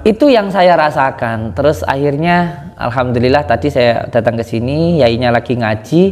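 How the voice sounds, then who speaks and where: A man giving a casual spoken account to a religious teacher, animated, his voice climbing high when he is indignant. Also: moderate pace. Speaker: guest speaking to a kiai. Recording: long hall reverb.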